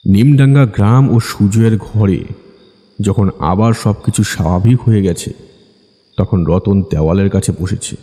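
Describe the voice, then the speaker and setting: A man narrates a scripted ghost story for an audiobook at a measured pace. His deep, extremely mellow voice sits in a long reverb.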